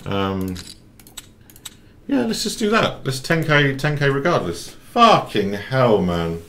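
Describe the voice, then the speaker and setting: A man commentating live on his own game, excitable and swearing, talking to his viewers. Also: medium pitch, slow. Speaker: gambling streamer.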